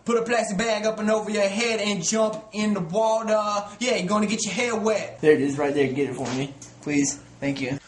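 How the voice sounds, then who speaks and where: A man in a band, bantering through a comedic studio session with a goofy, deadpan jokey delivery. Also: sits high, a little fast, a little hiss or hum. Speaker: band member recording a song. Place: recording studio. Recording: echoey studio with music playing.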